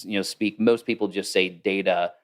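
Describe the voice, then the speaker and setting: Low-voiced man explaining AI. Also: steady tone, normal speed. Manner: thoughtful, explanatory, with fillers. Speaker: guest, AI consultant. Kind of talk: casual interview talk.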